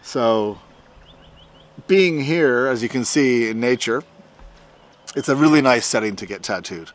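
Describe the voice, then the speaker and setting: In an unhurried, expressive mid-range voice, a fifty-year-old Australian tattoo artist gives an informal video update to camera. He's outdoors in his farm's front yard, keeping it casual and conversational.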